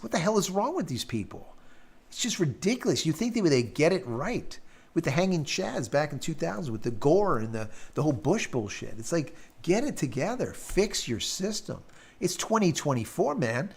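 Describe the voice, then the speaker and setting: A man hosting a live stream in casual chat, blunt and quick to swear, his throat sore and worn after hours of talking. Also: a little high, breathy edge. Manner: blunt, ranting, swears freely.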